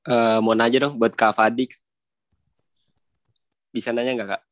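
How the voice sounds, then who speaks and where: A man's voice: medium pitch, little pitch movement, unhurried, dry recording, clean studio sound. A man asking questions casually in an online group chat over a video call.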